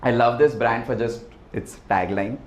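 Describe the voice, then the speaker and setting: A man giving a relaxed, chatty presentation to an audience, often asking "right?". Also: mid-range voice, moderate pace, slight background noise. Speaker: restaurant founder giving a talk. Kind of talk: presentation with slides. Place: event hall with an audience. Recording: echoey hall, faint ambience.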